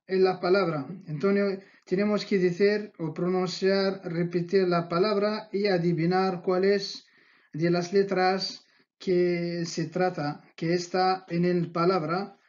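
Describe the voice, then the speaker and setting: Teacher going slow, says each word over and over, kinda muffled lo-fi sound. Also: medium pitch, a little mellow. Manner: slow, patient, repeats words for drilling. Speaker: Arabic teacher. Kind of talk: language lesson.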